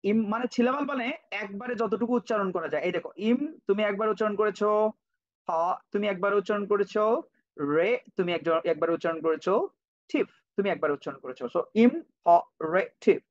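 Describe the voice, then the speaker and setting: Patient teacher on dull lo-fi audio. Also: male voice, sits high, fast talker. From Bangladesh. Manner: patient, repeats and spells words out, checks on students by name. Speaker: English teacher. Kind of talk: online class for children. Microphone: cheap computer microphone. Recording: dull lo-fi online-class audio.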